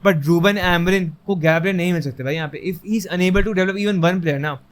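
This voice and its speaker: A man's voice: high voice, normal speed. A young man giving a heated, frustrated fan reaction to a football match, switching between Hindi and English.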